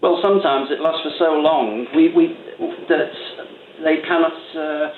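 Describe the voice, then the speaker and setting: A man calling into a radio show as a charity manager, talking on speakerphone away from the phone, hesitant with halting restarts. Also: a little high. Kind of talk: radio call-in debate. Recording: echoey tinny speakerphone line with hiss.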